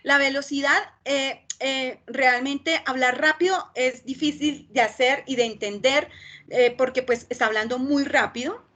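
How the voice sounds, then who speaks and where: Colombian woman teaching a training session, high voice, rushes along, keeps asking "¿sí?". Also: steady tone, fairly bright tone. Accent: Colombian Spanish. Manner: talks fast with frequent "¿sí?" check-ins. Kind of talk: training lecture.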